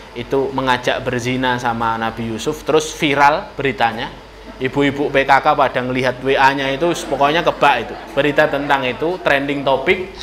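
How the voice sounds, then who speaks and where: A man with a Javanese accent giving a lively storytelling sermon in a mosque, often turning to address the ladies in the audience. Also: medium pitch, slight background noise. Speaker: preacher. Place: mosque hall.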